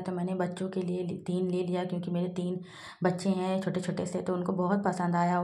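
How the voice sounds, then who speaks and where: A woman in her thirties talks through her day as a vlog voice-over, plain and homely, with many fillers. Her voice sits low and stays flat, and the room around her echoes. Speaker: vlogger, mother narrating her day. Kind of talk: voice-over narration of a daily vlog.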